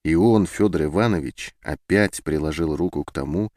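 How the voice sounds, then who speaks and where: A man's voice: deep voice, normal speed, darkish tone, no room sound. Subdued male audiobook narrator. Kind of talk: scripted narration.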